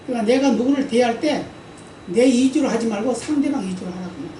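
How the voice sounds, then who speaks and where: A woman pastor delivers a conversational sermon in a church sanctuary during a service, often asking for an amen and acting out the quoted lines in her stories. Her warm, fairly high voice moves fast. Caught from a distance in the roomy hall, it has a little hiss or hum.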